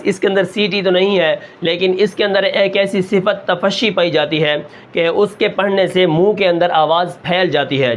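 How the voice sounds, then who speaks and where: A man with a Pakistani Urdu accent teaching Quran reading, drawing out each example syllable slowly and then asking and answering his own questions. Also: sits high, a bit bright. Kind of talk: slow drilled lesson with rhetorical questions.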